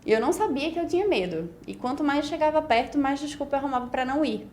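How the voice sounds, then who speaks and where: High-pitched, animated, and fast, her voice has a darkish tone. She is a beauty pageant winner in her twenties with a Brazilian Portuguese Pernambuco accent, a guest on a casual podcast interview who reflects on her story in long run-on stretches, frequently ending with "né?".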